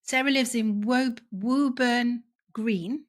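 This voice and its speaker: A woman's voice: fairly high pitch, fairly even intonation, slow pace. A woman hosting a podcast interview, chatty and enthusiastic, with a self-deprecating humour. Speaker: podcast host.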